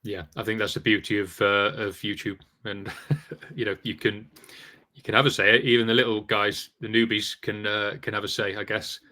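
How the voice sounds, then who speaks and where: A man's voice: on the low side, level tone, normal speed, bright, forceful tone. A man hosting a live online Q&A, reading out viewer questions in a conversational way with many fillers. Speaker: host. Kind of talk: live Q&A show.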